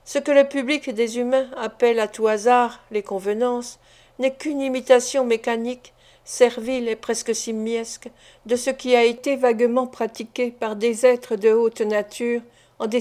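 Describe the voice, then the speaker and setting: A woman narrating a classic literary story in a measured, expressive reading. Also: on the high side. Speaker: audiobook narrator.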